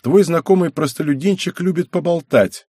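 A man voicing a sharp-tongued, haughty teenage schoolgirl in an audiobook. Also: fairly high pitch, normal speed, breathy edge, no room sound, clean studio sound, pitched above the performer's own voice. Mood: scornful.

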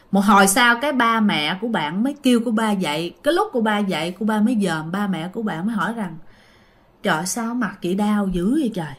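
A woman's voice: mid-range voice, fairly bright tone. A woman telling a ghost story casually, addressing her listeners and acting out scenes.

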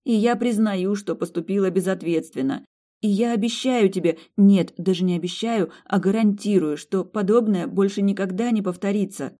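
A woman's voice: medium pitch, moderate pace, mellow, pitched above the performer's own voice, natural voice. A narrator voicing a young woman doctor, flustered and eager to please, pleading and apologetic in an audiobook.

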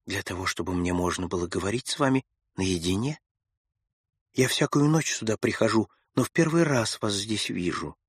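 A man voicing a ghostly lady in an old-fashioned dress, speaking low, hushed and plaintive in an audiobook. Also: lively intonation, moderate pace, husky, dry recording, studio quality. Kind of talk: audiobook character voice.

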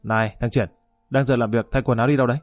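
A man's voice: medium pitch, fairly even intonation, very fast, dry recording, soft background music, lightly acted. A man voicing a shrewd, bullying middle-aged male security chief who talks bluntly and gives orders. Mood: gruff.

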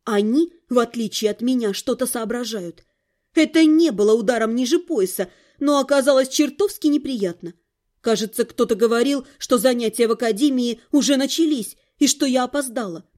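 A woman's voice: on the high side, moderate pace, a little mellow. A woman reading a first-person audiobook in an ironic, colloquial storytelling manner. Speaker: audiobook narrator.

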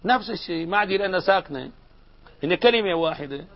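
A grammar teacher, his fairly high voice swinging up and down as he explains. He keeps asking his students questions in a lively classroom manner. The recording sounds dull and lo-fi. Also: fast talker.

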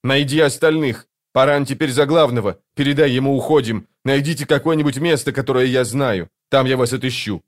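A man voicing a tense male assassin who barks loud, urgent warnings in an audiobook. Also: medium pitch, animated, moderate pace, close to an everyday voice. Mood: urgent shouting. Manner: loud barking commands.

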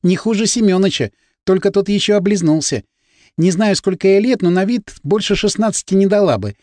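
A man reading an audiobook, voicing a teenage schoolgirl who is affectionate, teasing and quick to get jealous. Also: sits high, a little mellow, no room sound, close to an everyday voice.

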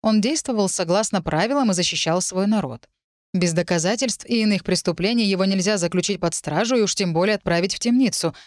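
A woman reading an audiobook, voicing a composed middle-aged guard captain who speaks in a measured, formal way. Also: medium pitch, no echo, studio quality, natural voice. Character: composed fortyish male guard captain, authoritative.

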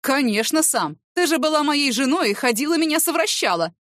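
A woman's voice: high-pitched, animated, a little fast, fairly bright tone, dry recording, studio quality, voice pushed up. A woman voicing an angry, domineering male boss who barks accusations and sneers sarcastically.

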